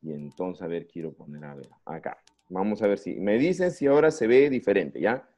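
A man with a low, slightly fast voice and a Peruvian Spanish accent teaches an online English class to young children. He's lively and playful, firing off questions, coaxing the kids to take part, and joking to hold their attention. It's captured on a computer mic during a video call, so the audio sounds a little dull and lo-fi.

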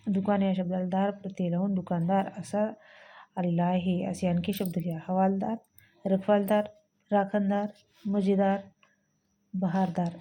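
Woman reading out answers in a flat, dark voice. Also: mid-range voice. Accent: Marathi. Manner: steady dictation-like reading. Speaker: teacher. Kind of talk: reading out textbook exercise answers.

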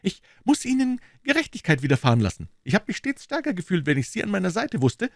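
A man voicing an eager, boastful male Scotland Yard detective in a much higher, louder voice. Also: sing-song, fast talker, creaky, no room sound, studio quality, full character voice. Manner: eager, boastful, high and loud.

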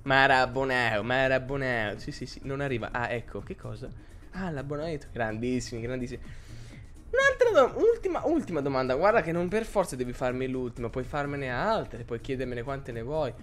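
A man's voice: mid-range voice, animated, a little fast, fairly bright tone, soft background music. A man streaming live, chatting casually and rambling as he answers his chat viewers.

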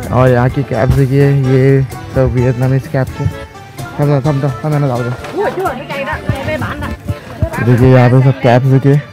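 A man's voice: mid-range voice, flat delivery, normal speed, over music. A young man from India walking a busy market, chatting to viewers and pointing things out, filmed on a handheld camera. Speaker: travel vlogger. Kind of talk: walking-tour vlog. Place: busy outdoor and covered market. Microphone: handheld camera at arm's length.

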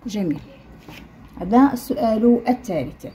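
A woman with a Moroccan Arabic accent teaching primary school children an Arabic lesson, slowly spelling out letter sounds and mixing standard Arabic with Moroccan dialect. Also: fairly high pitch, expressive, warm tone, slight background noise. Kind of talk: explaining a textbook lesson to children.

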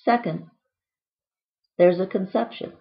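A woman's voice: mid-range voice, slow, vocal fry, dull audio. A woman reading aloud from her own book in a playful, whimsical way, with quirky asides.

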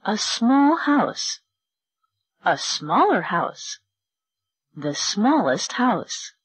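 A very husky woman reading slowly. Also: medium pitch, very animated, no room sound. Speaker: textbook audio reader. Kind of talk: slow, clear textbook reading.

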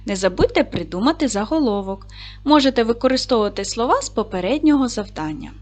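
A woman teaching a recorded primary school lesson, patiently asking questions and slowly spelling out sounds and syllables. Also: on the high side, lively intonation, darkish tone, a little hiss or hum. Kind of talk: recorded video lesson for children.

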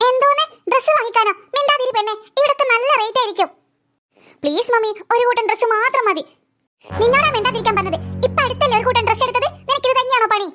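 Soft music plays behind a voice actor's cartoon portrayal of a stern mother scolding her daughter and refusing to buy anything on their trip. The delivery is extremely high-pitched, quick, pushed and bright, in a nagging, scolding mood.

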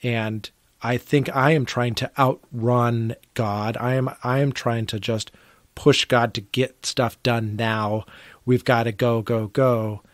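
A man from Oregon co-hosts a casual podcast chat, reflective and earnest, quick to laugh. His voice sits in a middle register. The sound is dry and close to the mic. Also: mid-range voice, steady tone, dry recording. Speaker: podcast co-host. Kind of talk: casual phone conversation.

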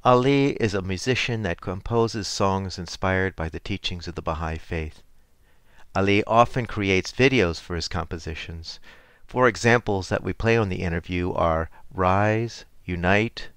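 A man hosting a community radio program, introducing an interview in a measured, formal way. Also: low-pitched, a bit bright, clean tone, no room sound. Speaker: radio host.

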